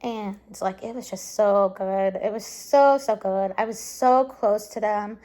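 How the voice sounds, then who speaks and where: A woman's voice: mid-range voice, steady tone, unhurried. A woman recapping a concert in a casual vlog to camera at home, gushing and full of "like" and "um" fillers, sometimes dropping to a near-whisper, and tired. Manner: soft, drops into quiet near-whispers at times. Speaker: vlogger.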